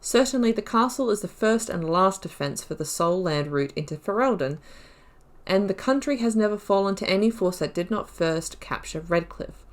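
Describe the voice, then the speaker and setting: This gaming video features a woman at medium pitch and normal speed, expressive as she reads lore aloud. Her informal asides, in which she sometimes corrects herself, give it a casual commentary feel.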